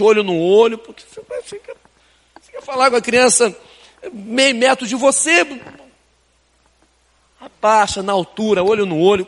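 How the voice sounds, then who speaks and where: A man's voice: high voice, in a large hall. An older man with a Brazilian accent, preaching a sermon in a conversational style, with rhetorical questions and casual asides. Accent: Brazilian Portuguese. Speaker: pastor. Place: church sanctuary.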